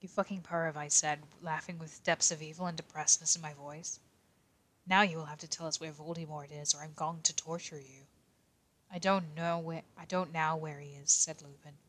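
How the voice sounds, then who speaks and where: Quiet young male detective, woman voicing: low, flat, in-character fanfic reading. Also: normal speed. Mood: deadpan reading.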